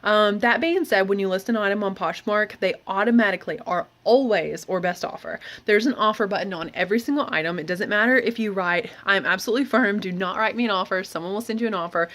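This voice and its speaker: A woman with a slightly nasal head cold gives straight-to-the-point tips as a reseller vlogger in a casual how-to video. Her medium-pitched, fairly bright voice moves quickly with few pauses.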